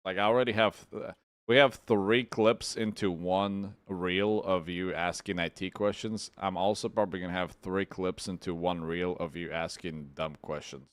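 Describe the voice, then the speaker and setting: Deep-voiced man streaming casually. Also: fairly even intonation, normal speed, dry recording. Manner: laid-back, talks to chat while editing clips. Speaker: streamer and podcast host. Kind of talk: casual livestream chat.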